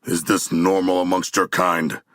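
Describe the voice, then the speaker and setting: An actor playing a huge, earnest, literal-minded shark-man warrior in a video game, with a gravelly voice and formal, grandiose phrasing. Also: sits low, level tone, a little slow, a bit bright, no room sound, studio quality. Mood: earnest, measured. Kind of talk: video game character voice lines.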